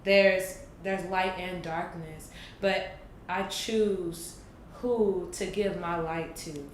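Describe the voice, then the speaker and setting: Late-20s woman, low-ish voice, thoughtful slow musing, echoey room w faint hiss. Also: fairly even intonation. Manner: earnest, thoughtful, drawn-out pauses. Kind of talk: reflective casual chat.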